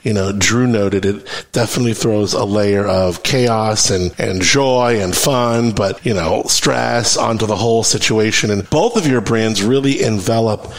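A man with an American accent, hosting a relaxed, conversational interview. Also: on the low side, a little slow, few pauses. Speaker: podcast host. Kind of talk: casual interview chat.

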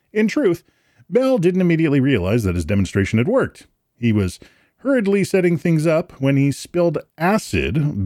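A man's voice: mid-range voice, mellow, no echo, studio quality. A man hosting a live podcast, reading out date trivia and slipping in corny jokes and puns. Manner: jokey, punny asides. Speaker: podcast host.

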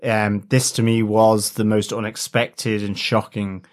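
A man's voice: on the low side, little pitch movement, unhurried. A man co-hosting a podcast, agreeing and reflecting thoughtfully in casual chat. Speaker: podcast co-host.

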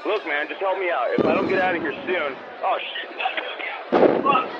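A man's voice: high voice, moderate pace, over a noisy crowd. A man calling from a jail payphone in a comedy skit, rambling, pleading and swearing as he begs for help. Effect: payphone call from jail. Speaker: podcast co-host in a phone skit. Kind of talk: comedy skit phone call. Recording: muffled phone line with loud noise.

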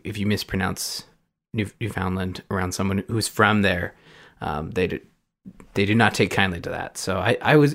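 Low-voiced Canadian man chatting casually. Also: creaky, fairly bright tone. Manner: rambling, chuckling, many restarts. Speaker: podcast host. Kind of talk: casual film podcast chat.

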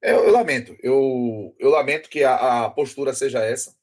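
A man's voice: medium pitch, normal speed, a little mellow. A man giving an opinionated football analysis on a talk show, often hedging with fillers. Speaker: sports commentator.

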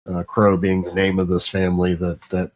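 A man's voice: deep voice, monotone, normal speed. A man hosting a casual TV chat, rambling with many fillers and restarts. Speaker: podcast host. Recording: dull lo-fi sound.

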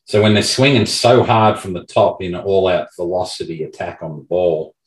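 A man's voice: low-pitched, fairly even intonation, moderate pace, echoey room, recorded from a distance, poor audio. A man with an Australian accent, a golf coach hosting a podcast, explaining things in a confident manner. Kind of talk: casual interview chat.

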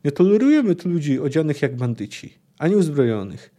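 A man's voice: on the high side, very animated, fairly quick, warm tone. A man voicing a stocky doorman of an exclusive inn who speaks coldly and formally. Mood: cold haughty. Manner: cold, pompous, formal speech. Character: stocky male doorman, cold and haughty.

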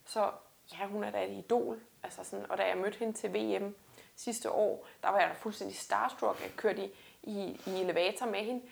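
A woman's voice: medium pitch, fairly even intonation, vocal fry. A woman weightlifter talking earnestly and reflectively in a casual interview, often restarting her sentences. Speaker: guest weightlifter.

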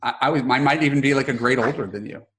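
A man's voice: mid-range voice, fast, a bit bright. A man in his forties hosting a podcast interview, chatty and often repeating words as he starts a sentence. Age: 40s. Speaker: podcast host. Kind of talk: casual interview chat.

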